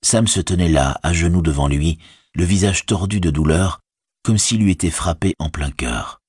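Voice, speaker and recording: A man narrating an audiobook in a measured, even storytelling manner. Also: deep voice, slightly rough, no room sound, clean studio sound. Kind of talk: scripted narration.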